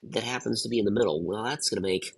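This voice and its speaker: Husky, creaky-voiced man, under the weather. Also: lowish voice, quick pace. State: under the weather, sick with a cough. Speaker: host of a daily word puzzle video. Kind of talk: casual thinking-aloud puzzle commentary.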